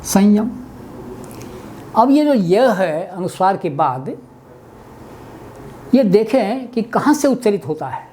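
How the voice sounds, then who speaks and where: A man giving a webinar lesson on pronunciation, spelling out letters one by one as he writes them and explaining each step deliberately. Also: high-pitched, big pitch swings, darkish tone, slight background noise. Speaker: Hindi language teacher.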